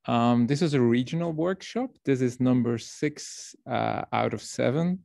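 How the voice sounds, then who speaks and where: A man's voice: mid-range voice, unhurried, vocal fry, darkish tone, no echo. A man from Belgium presenting to a workshop over a video call, explaining ideas through a story. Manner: storytelling, explanatory, repeats words.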